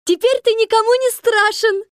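A tiny, timid fairy-tale girl, speaking in a very high, plaintive voice. The audio story is recorded close and dry. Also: fairly even intonation, normal speed, no room sound. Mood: coaxing. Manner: plaintive, tearful.

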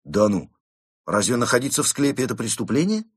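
A man's voice: medium pitch, very animated, fast, slightly rough, no echo, clean studio sound, voice pushed up. A man doing a cheeky, glib cat. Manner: glib, mock-innocent, argumentative. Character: cheeky smooth-talking male tomcat suspect.

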